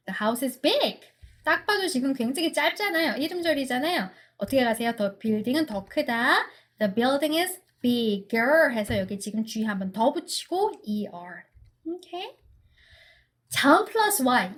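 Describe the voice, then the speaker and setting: A woman giving an online English grammar lecture, asking check-in questions and reading English example sentences slowly and carefully. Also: high voice.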